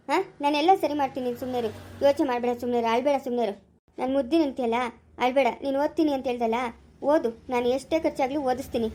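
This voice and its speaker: A young husband, acted by a performer, soothes in a soft, low-key voice with a Chikkaballapura Kannada accent. He coaxes and reassures at a quick pace in a family home drama skit. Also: lightly acted.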